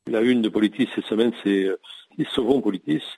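A journalist and editorialist answering questions in a radio news interview, speaking haltingly with many hesitations and restarts. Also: male voice, on the low side, darkish tone, husky, no echo, rough recording.

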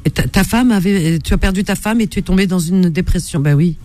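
A woman's voice: lowish voice, a little fast, a little mellow. A woman hosting a late-night radio call-in show, chatty and full of fillers. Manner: chatty, filler-heavy, lots of hein and euh.

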